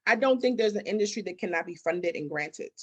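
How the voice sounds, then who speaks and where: A woman appears as a guest expert, a business consultant and grant expert, in a conversational interview. She is emphatic, fires off rhetorical questions, and acts out bits of dialogue in a low-leaning, expressive voice that moves a little fast.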